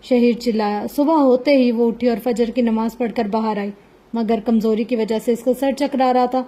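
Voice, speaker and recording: A woman narrating a novel in a dramatic reading. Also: a little high. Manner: dramatic, even-paced reading. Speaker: novel reader.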